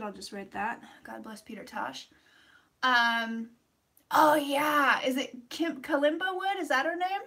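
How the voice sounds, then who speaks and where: A woman with a high, bright voice hosts a casual livestream. She sounds a little congested as she rambles and thinks aloud. Her manner is playful and sweary, with effusive greetings to her viewers. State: slightly congested after flu. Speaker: livestream host doing psychic readings.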